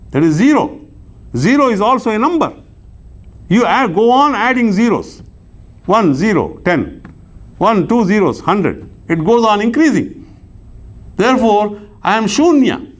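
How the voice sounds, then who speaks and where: A man lecturing on scripture as a philosophy teacher, who poses rhetorical questions and answers them himself, swinging between raised emphatic lines and low soft asides.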